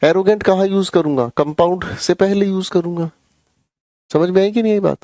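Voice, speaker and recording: A man teaches grammar in a chatty, teasing way, calling out to his students by name. His voice sits a little high but sounds mellow and warm. The room is small and dry, with no echo. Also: fairly quick. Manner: chatty, teasing, addresses students as beta and bhai. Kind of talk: live online class.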